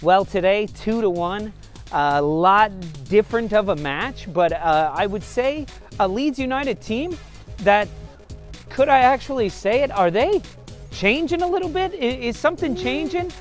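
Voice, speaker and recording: A man in his forties with a notably high voice hosts a casual football chat outdoors on a city stoop. He talks with animated energy, gesturing and tossing questions to his co-hosts. The camera sits a few steps away from him. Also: measured pace, faint music behind. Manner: animated, hand-waving, questions to guests. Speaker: host. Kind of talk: casual fan-show chat. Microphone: camera at a distance, standing.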